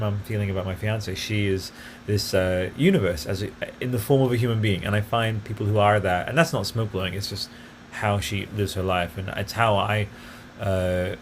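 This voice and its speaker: Brisk and with few pauses, a fairly low-voiced podcast host who partly grew up in Italy chats on his own show with fairly even intonation. He hops eagerly between tangents in a casual, filler-heavy way, and faint noise runs under the recording.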